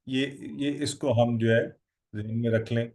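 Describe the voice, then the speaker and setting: A man's voice: mid-range voice, steady tone, a little mellow. A man teaching an online Arabic lesson, patient and encouraging as he drills his students. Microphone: video call.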